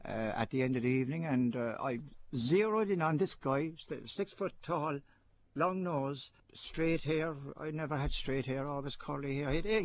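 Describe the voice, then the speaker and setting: A man in his sixties with a Cork accent, reminiscing chattily and self-mockingly, in a dull radio recording. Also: a little high. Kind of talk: personal reminiscence.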